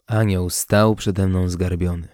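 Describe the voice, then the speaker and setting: Calm, low-voiced male audiobook narrator. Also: dry recording, studio quality. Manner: calm, measured storytelling.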